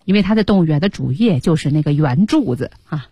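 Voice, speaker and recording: A woman with a slightly husky voice teaching English on radio, lively in pitch as she guides students through lines. The sound is dry and close, from a studio. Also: quick pace, no room sound. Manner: guiding students, repeats English lines expressively. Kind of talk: explaining lesson on radio.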